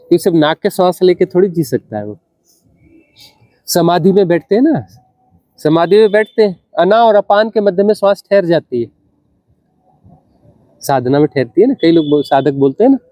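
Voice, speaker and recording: A man, a spiritual teacher, gives an unhurried discourse, repeating phrases for emphasis and asking rhetorical questions. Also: fairly high pitch, warm tone, no echo.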